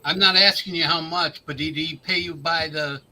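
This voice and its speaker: A man's voice: fairly high pitch, fairly even intonation, moderate pace, bright, forceful tone, poor audio. A man in his fifties in a casual chat, joking and going into detail. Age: 50s. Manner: joking, chatty, detailed about his finds.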